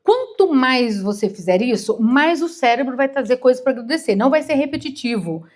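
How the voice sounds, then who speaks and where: A woman's voice: high-pitched, expressive, a little fast, darkish tone. A woman in her fifties with a Mineiro Brazilian accent, preaching an informal sermon in a chatty, emotional way, acting out little stories. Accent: Mineiro Brazilian Portuguese. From Minas Gerais, Brazil. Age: 50s. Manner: chatty, emotional, storytelling with acted-out quotes. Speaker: therapist preaching to a congregation.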